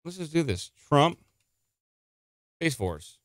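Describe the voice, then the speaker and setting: A podcast host hosts a live stream with casual, chatty, rambling talk, and he's quick to gripe. His voice sits on the high side and is sing-song, a little congested and nasal. The recording is dry, with clean studio sound.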